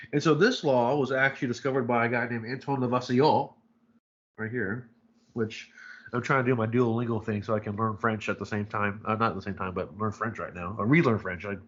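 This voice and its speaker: A man's voice: mid-range voice, fairly bright tone, lo-fi sound. A man teaching a live online chemistry lecture, talking casually and rambling, with many fillers and frequent "right?" checks. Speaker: chemistry instructor.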